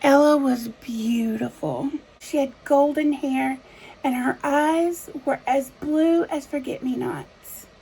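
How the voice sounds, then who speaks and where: A woman reads a children's story in classic fairy tale opening style. Her voice is high with a creaky edge, and she goes slowly, setting out each phrase simply for young listeners. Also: steady tone, warm tone, low-quality recording. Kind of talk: children's story read-aloud narration.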